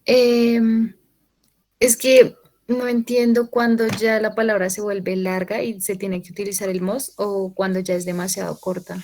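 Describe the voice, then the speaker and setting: A woman's voice: medium pitch, flat delivery, measured pace, a little mellow, a little hiss or hum. A woman student politely asking her teacher a question over a video call, sounding unsure. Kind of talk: asking a question in an online class.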